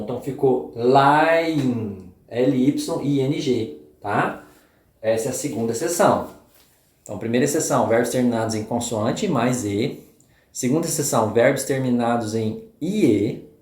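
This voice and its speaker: A man from Brazil gives a review lesson before a test, walking through each rule and checking in often with short questions. His voice sits at a middling pitch. The recording bounces around an echoey room. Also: a little mellow. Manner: explains step by step, checks in often with short tags. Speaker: English teacher.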